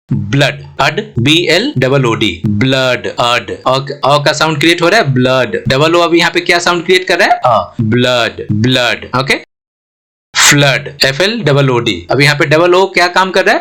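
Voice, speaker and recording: A man teaching pronunciation, repeating each word and spelling it out letter by letter, often stopping to ask if it is clear. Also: a little high, sharp tone. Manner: repeats words slowly, spells them letter by letter; asks the learner rhetorical checks. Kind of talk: explaining and drilling words.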